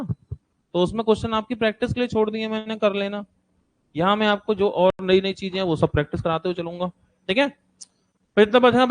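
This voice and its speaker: Standing before a class, a high-voiced man teaches maths, saying every number and step out loud. He checks again and again that his students are keeping up.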